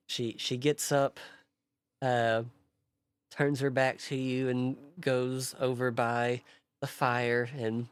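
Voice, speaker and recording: A man narrating as game master, describing actions slowly with fillers. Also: mid-range voice, clear, resonant tone, dry recording.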